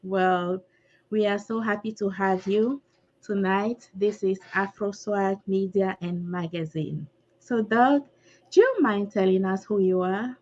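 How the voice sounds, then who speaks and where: A woman hosting an interview show, asking questions in an encouraging, deliberate way. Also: medium pitch, a little mellow, dull audio. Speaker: host. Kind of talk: podcast interview.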